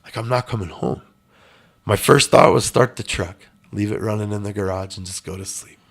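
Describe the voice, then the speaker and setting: Gravelly man telling an intense story. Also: on the low side, steady tone, moderate pace. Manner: earnest, intense, swings between quiet and loud. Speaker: interview guest. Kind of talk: emotional storytelling.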